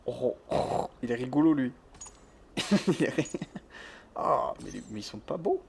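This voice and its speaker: A man's voice: mid-range voice, animated, a little slow, vocal fry, breathy edge. A male streamer who keeps his voice down, chatting casually as he plays a game and reads the chat, laughing often. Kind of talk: casual let's-play chat. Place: home room with thin walls.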